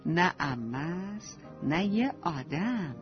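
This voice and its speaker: A woman storyteller narrating a children's story in an animated, affectionate way for young listeners. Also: fairly low pitch. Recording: dull lo-fi with faint music.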